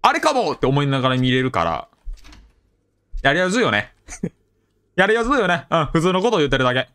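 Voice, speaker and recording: A young man with a Kansai accent commenting on a horror game as he plays, chatty and jokey, with sudden loud outbursts. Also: a little high, wildly swooping pitch, fairly quick, clean tone. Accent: Kansai Japanese. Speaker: game streamer.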